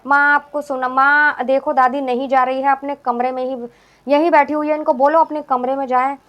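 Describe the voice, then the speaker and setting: Whiny complaining teens, urgent, high voice, as a woman storyteller voices them. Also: little pitch movement, normal speed, fairly bright tone. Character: whining teenage children complaining.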